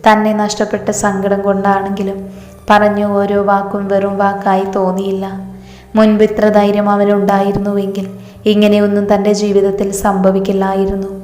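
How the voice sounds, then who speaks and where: Flat-toned Malayali woman storyteller. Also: mid-range voice, normal speed. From Kerala. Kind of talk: scripted narration. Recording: echoey hall reverb.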